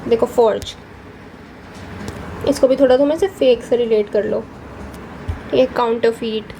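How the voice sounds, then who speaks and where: Soft-toned woman teaching vocabulary. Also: on the high side, steady tone, unhurried, vocal fry, slight background noise, rough recording. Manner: explains patiently, repeats "ठीक है" between points. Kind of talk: exam prep lesson with mnemonic tricks.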